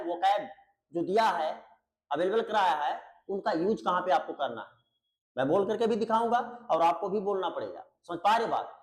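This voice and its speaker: With a high, fairly bright voice, a man teaching English grammar online explains in Hindi and covers pronunciation. The English teacher drills each point by repeating it, asks students to answer back, and warmly calls them beta in a patient manner. The recording is rough.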